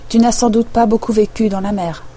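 Woman doing a mock turtle, weepy, slow, lower voice, mellow, storybook. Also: steady tone, a little hiss or hum, close to an everyday voice. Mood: mournful. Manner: slow and mournful, sobbing. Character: tearful melancholy mock turtle, male.

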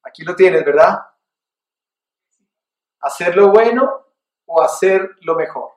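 A man preaching as a pastor, telling a personal story in an earnest, reflective way, then slowing into emphatic teaching. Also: high voice, animated, a little mellow, muffled recording. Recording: echoey room, voice from a distance.

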